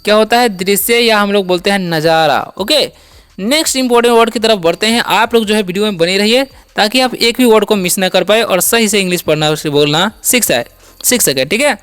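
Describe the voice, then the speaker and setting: An English teacher giving a slow spelling and pronunciation lesson, asking questions and answering them to drill each word. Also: mid-range voice, a bit bright, clear, resonant tone. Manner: spells words letter by letter slowly.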